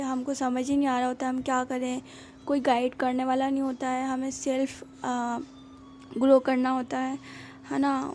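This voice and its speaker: A woman's voice: sits high, a little hiss or hum. A woman doing a casual, chatty tarot reading straight to her viewers, reassuring and loose with filler sounds. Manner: voice comes out somewhat quiet. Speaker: tarot reader.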